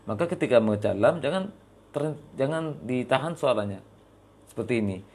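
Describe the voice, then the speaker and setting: An Indonesian man teaching Quran recitation rules in a live lesson, drawing out example words slowly and explaining between them with hesitant fillers. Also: mid-range voice, animated, a little mellow, husky. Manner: demonstrates letters slowly, then explains quickly with fillers. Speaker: tajweed teacher.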